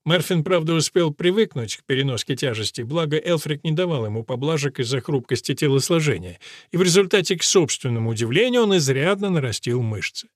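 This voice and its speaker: A man reading an audiobook in a steady, even storytelling manner. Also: a little high, a little fast, few pauses, no room sound, studio quality. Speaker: audiobook narrator. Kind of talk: scripted audiobook narration.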